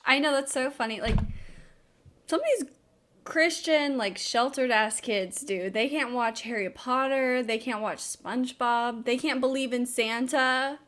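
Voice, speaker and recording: A young woman from North Dakota with a somewhat high voice co-hosts a podcast over a video call. She reads out listener messages in a casual chat and jokes crudely, laughing often. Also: unhurried, fairly bright tone. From North Dakota, United States. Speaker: podcast co-host.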